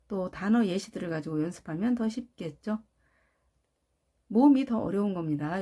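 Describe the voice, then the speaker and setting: Gravelly, mellow-voiced woman teaching. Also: medium pitch. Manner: slow, deliberate drilling of single sounds. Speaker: English pronunciation teacher. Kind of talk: instructional explanation with spoken drills.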